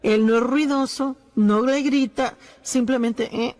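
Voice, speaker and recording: Woman, high voice, Spanish voice-over for a preacher's sermon, earnest and emphatic. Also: steady tone, a little slow, darkish tone. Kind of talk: dubbed sermon.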